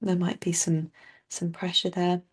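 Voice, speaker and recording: This guided body scan is led by a woman teacher whose voice is on the low side, slightly rough, and level in tone. She talks gently and calmly, with long, leisurely pauses.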